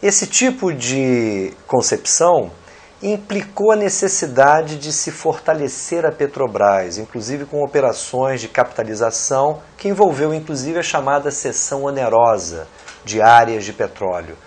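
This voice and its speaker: A man interviews a guest, building long questions in a measured, deliberate way. His voice is husky and somewhat breathy, with an animated pitch range.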